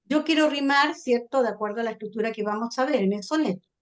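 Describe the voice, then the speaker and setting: A woman's voice: fairly high pitch, quick pace. Chilean woman teaching a poetry class. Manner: checks in often with "¿ya?" and "¿cierto?". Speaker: literature teacher leading a sonnet workshop. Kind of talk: online class explanation.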